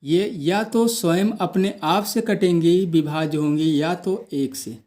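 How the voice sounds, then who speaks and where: A man's voice: high voice, slow pace, a little mellow. A man teaching a math lesson, posing questions to the class and answering them himself.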